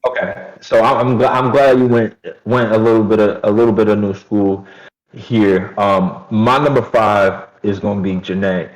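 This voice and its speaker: A man co-hosting a podcast in casual chat, animated and prone to repeating his words. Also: fairly low pitch, normal speed, low-quality recording. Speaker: podcast co-host.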